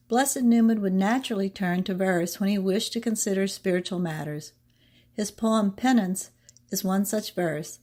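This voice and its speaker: Woman prof reading a devotional script, calm and measured, slows way down on the poem lines. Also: medium pitch. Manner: measured, reads poetry slowly and deliberately. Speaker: professor presenting a short devotional segment.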